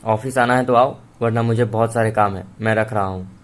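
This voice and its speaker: A man's voice: on the low side, fairly even intonation, brisk, natural voice. A man voicing an impatient young male colleague in a Hindi audio story, firm and exasperated. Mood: annoyed.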